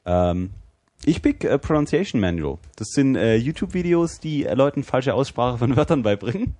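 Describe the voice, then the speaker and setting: A man's voice: medium pitch, very animated, normal speed, mellow, no echo. A man co-hosting a casual podcast chat, joking and loose, often trailing off mid-sentence. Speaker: podcast co-host.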